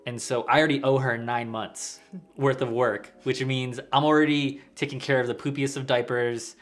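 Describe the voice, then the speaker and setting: A young man, a new father, talking casually and earnestly about parenthood, getting animated as he tells stories. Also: medium pitch, moderate pace. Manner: earnest, gets animated and laughs telling stories. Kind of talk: casual chat.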